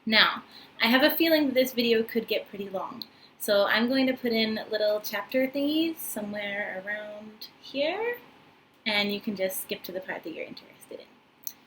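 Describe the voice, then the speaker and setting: A woman in her twenties with a New Zealand accent, a vlogger who teaches English in Japan, talks to the camera in a relaxed, friendly way, filling her speech with ums and uhs. She's recorded close up in a small indoor room with a wooden floor and paper screens. Her voice is medium-pitched, animated, and a bit bright at normal speed, on a low-quality recording with slight background noise.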